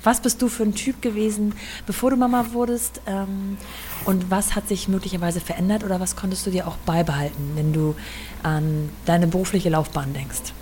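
A woman's voice: lowish voice, fairly even intonation, moderate pace, mellow, a little hiss or hum. A woman hosting a podcast, asking friendly, probing questions with occasional fillers. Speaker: podcast host. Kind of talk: conversational podcast interview.

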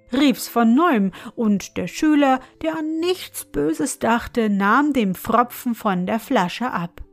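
A woman reading a fairy tale aloud in a slow, measured way. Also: fairly high pitch. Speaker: storyteller.

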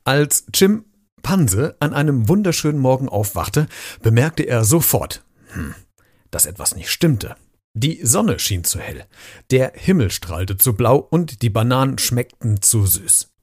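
A man's voice: medium pitch, sing-song, measured pace, darkish tone, no room sound, studio quality. A man hosting a podcast, reading a children's book aloud in a friendly way and speaking directly to children. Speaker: podcast host.

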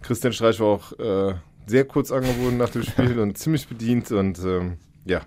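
A man's voice: lowish voice, moderate pace, a little mellow, a little hiss or hum. A man co-hosting a casual sports podcast, piecing his sentences together hesitantly. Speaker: podcast co-host.

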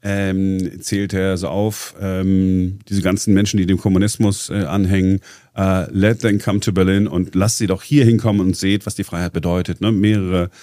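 A man's voice: low-pitched, little pitch movement, moderate pace, mellow, dry recording, studio quality. A man presenting on a talk show in casual chat, explaining at length with many hesitations and restarts. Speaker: radio presenter.

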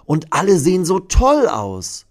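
A man voicing an excitable, friendly dinosaur mascot in a high, gushing, wide-eyed voice. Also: measured pace, heavily acted. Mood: excited.

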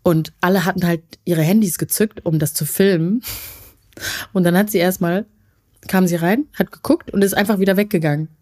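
A young woman co-hosting a relaxed bedtime chat, her voice lowish and mellow. She talks in a chatty, easygoing way and laughs at her own jokes. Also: moderate pace. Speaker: podcast co-host.

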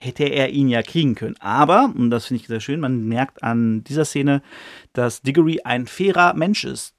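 A man's voice: mid-range voice, normal speed, dry recording, studio quality. A man hosting a podcast, casually retelling a book chapter in a loose, slangy way with plenty of fillers. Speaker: podcast host.

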